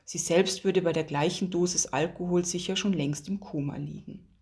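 A woman reading a novel aloud in a calm, steady narrating voice. Her pitch sits on the low side, and the tone is husky and breathy. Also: normal speed. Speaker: audiobook narrator. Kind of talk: scripted narration.

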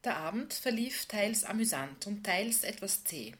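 Woman reading her book aloud, calm and steady, trails off soft at line ends. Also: mid-range voice, a little slow. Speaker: author reading from a novel. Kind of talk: literary reading.

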